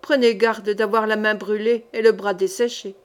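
A woman's voice: mid-range voice, steady tone, normal speed, close to an everyday voice. A woman reading a wry, teasing young male knight in an audiobook, dry and ironic.

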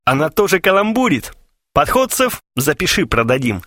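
A man's voice: on the high side, big pitch swings, normal speed, a bit bright, no echo, clean studio sound, voice pushed up. A man reading an audiobook, voicing a cheeky, self-satisfied young man who makes puns and speaks in a jaunty, cocky way.

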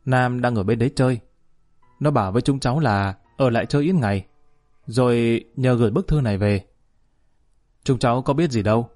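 A man's voice: medium pitch, fairly quick, long pauses, a little mellow, faint music behind, lightly acted. A man voicing a falsely polite gangster with a Northern Vietnamese accent. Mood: evasive.

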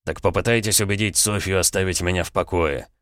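A selfish, stubborn count who speaks in a cold, flat and unhurried way, played by a male reader. The voice is deep and smooth and stays close to the reader's own. It comes from a fantasy audiobook. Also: no echo. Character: selfish stubborn nobleman, man, middle-aged. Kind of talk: audiobook character voice.

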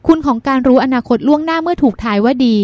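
A woman reading the lines of a calm, wise older sister who soothes and gives advice. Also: high-pitched, fast, no room sound, natural voice. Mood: advising. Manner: soothing, advising, gently teasing. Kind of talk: audiobook character reading.

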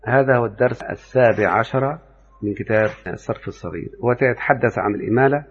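A man with an Egyptian accent teaching a lesson from a set text, calling on his students and repeating example words slowly. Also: mid-range voice, husky, big-room sound, muffled recording. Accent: Egyptian Arabic. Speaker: Arabic morphology teacher. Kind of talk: classroom lesson explaining a text.

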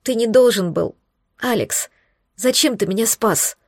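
A woman's voice: fairly high pitch, lively intonation, a little slow, no room sound, clean studio sound. A woman voicing an emotional young heroine who speaks in a pleading tone. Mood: sobbing.

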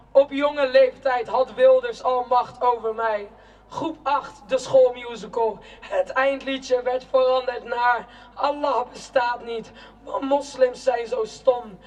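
A young woman giving a protest speech in a slow, declamatory spoken-word style, with shouted chants between lines. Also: fairly high pitch, highs cut off. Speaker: rally speaker. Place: outdoor city square at a demonstration. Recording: distant outdoor rally recording.

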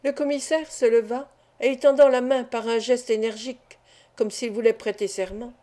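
A woman reading a novel aloud at an even, measured pace. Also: fairly high pitch. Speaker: audiobook reader. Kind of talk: scripted narration.

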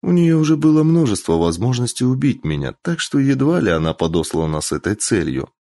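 Storybook role: man playing an exasperated young princess, commanding and sharp. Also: medium pitch, big pitch swings, brisk, no room sound, voice pushed up. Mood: composed.

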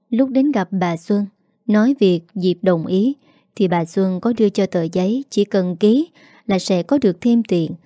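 A woman narrating a family drama story in a steady scripted storytelling manner. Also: mid-range voice, dry recording, studio quality.

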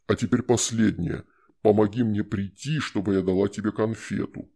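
A man voicing a gravelly, coaxing shadow spirit. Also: fairly low pitch, steady tone, mellow, voice pushed down. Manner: slow, wheedling, persuasive. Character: sinister coaxing shadow spirit, female, scheming. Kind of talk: audiobook character voice.

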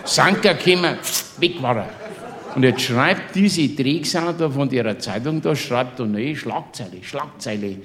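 A man's voice: mid-range voice, animated, measured pace, a bit bright. A man with a Bavarian accent telling a comic story in dialect, laughing through it and tossing chummy asides to the listener. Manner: boisterous, keeps laughing through his own tale.

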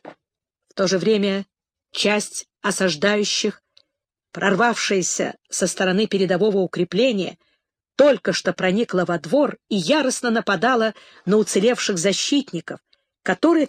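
A woman narrating a novel in a measured, even reading voice as an audiobook narrator. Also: medium pitch, no echo, clean studio sound.

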